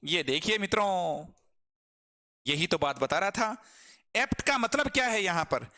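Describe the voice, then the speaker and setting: Bright-voiced Hindi-accented man teaching English. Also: sits high, very animated, unhurried. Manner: explains patiently, repeats words and asks the class questions. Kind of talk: live online class lecture.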